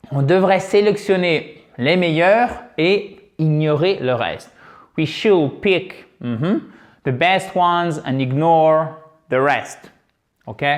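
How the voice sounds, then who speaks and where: A native French-speaking English teacher giving an online lesson, explaining patiently and saying English example phrases slowly and clearly. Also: medium pitch. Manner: explains patiently, checks with frequent "ok?".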